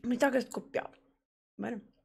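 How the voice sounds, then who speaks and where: A young woman, commenting excitedly on a game she plays live, swearing and talking to her chat. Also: a little high, normal speed, creaky, husky. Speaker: streamer.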